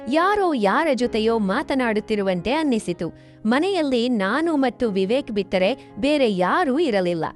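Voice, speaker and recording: Woman reading out a family story, bit high voice, quiet music underneath. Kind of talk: scripted first-person narration.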